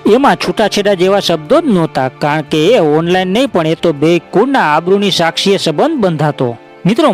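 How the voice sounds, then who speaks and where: A man giving scripted documentary narration in an emotive storytelling manner, speaking to his listeners as friends. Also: on the high side.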